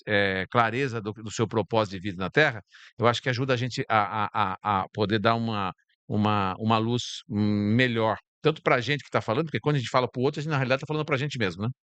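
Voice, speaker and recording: A man from Brazil speaks as a podcast guest in a calm, reflective way. He repeats words as he searches for the next thought. His voice sits at an ordinary pitch and sounds close and dry. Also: smooth, no room sound. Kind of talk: casual chat. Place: stage of a bar.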